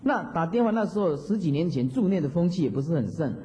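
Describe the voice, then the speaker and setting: A man's voice: fairly high pitch, lively intonation, fast, mellow. A male Buddhist monastic teacher giving a dharma talk, chanting examples and chuckling often. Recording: dull lo-fi hall recording.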